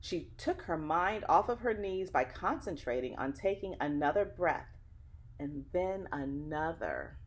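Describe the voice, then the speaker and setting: Like a teacher at story time, a woman reads a picture book to children and speaks to the young listeners directly, adding asides as she goes. Her lowish voice is sing-song, with widely swinging intonation and dramatic phrasing. She reads a little slowly.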